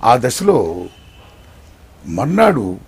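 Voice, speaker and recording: An older man as an interview guest, telling his life story in an animated way, swinging between loud excitement and hushed tones. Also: mid-range voice, extremely slow, creaky, breathy edge.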